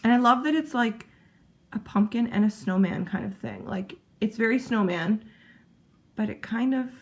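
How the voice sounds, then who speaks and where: Pregnant woman rambling about her stitching to camera, kinda fry-ish voice, keeps cutting herself off. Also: a little high, normal speed. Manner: chatty, rambling, self-interrupting. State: heavily pregnant. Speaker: cross-stitch vlogger. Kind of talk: casual chat to camera.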